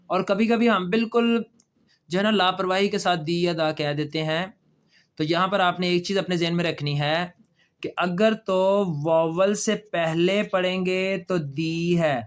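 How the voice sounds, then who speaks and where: A man teaching a pronunciation lesson, patiently repeating example words slowly for children and asking them questions. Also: high-pitched. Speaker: English teacher. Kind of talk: classroom lesson explaining pronunciation.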